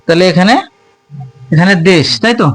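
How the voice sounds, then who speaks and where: A man's voice: high-pitched, fairly quick. A male teacher giving an informal grammar lesson to students. He asks questions, answers them himself and keeps repeating the key terms. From Bangladesh. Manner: colloquial, informal address to students.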